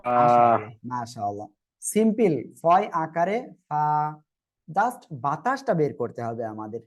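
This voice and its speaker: Faint music plays behind a Quran teacher leading an online group class, who patiently sounds out letters slowly and asks all to repeat together. The medium-pitched voice swings widely in pitch.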